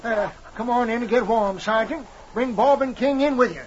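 A very high-voiced old prospector, friendly and folksy in his backwoods way. He belongs to an old radio adventure, heard through a dull recording with some hiss. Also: normal speed. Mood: delighted, welcoming. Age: older. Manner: old prospector's folksy rustic drawling talk.

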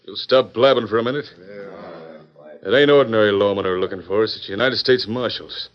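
An actor playing a stern, scheming outlaw gang leader in an old-time western drama, commanding and full of folksy frontier slang. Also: male voice, lowish voice, a little fast, natural voice. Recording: dull lo-fi vintage recording.

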